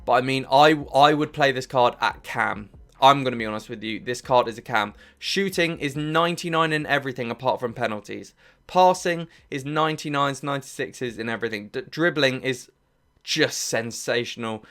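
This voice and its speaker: A man's voice: mid-range voice, normal speed, fairly bright tone. A young man giving enthusiastic, emphatic commentary as a gaming YouTuber ranking cards on a tier list. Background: faint background music.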